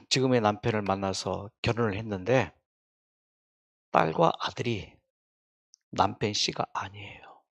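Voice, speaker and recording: Gravelly man lecturing to a hall. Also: mid-range voice. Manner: storytelling with questions to the audience. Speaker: health lecturer.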